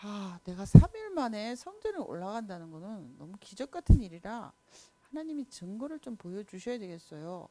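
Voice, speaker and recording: A woman voicing a sick young king who pleads and wails in a high, tearful voice while telling a children's Bible story. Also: very animated, normal speed, few pauses, dark tone. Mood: doubtful. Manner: high-pitched, wailing.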